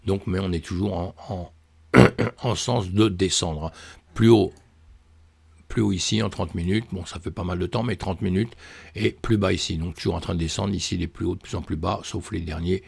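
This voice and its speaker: A man's voice: deep voice, fairly even intonation, normal speed, vocal fry, slightly rough. A man hosting a trading channel, casually walking viewers through charts and thinking aloud with lots of fillers and friendly asides. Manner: tosses in "hein" and "mes amis", thinks aloud with many fillers. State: voice cracking, coughing. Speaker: crypto trading channel host. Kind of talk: casual chart analysis walkthrough.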